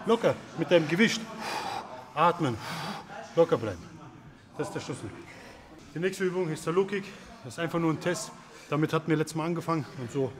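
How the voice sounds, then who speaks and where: A man's voice: on the high side, lively intonation, fairly quick, long pauses. A man in his thirties, a fight coach, giving casual instruction and commentary. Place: large busy martial arts gym.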